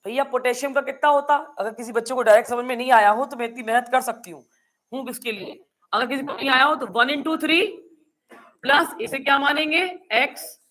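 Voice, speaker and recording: Bright high-voiced Hindi-accented woman teacher. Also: a little fast. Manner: quizzing students, answering her own questions; acts out confused students in playful asides. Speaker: chemistry teacher. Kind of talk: classroom lecture.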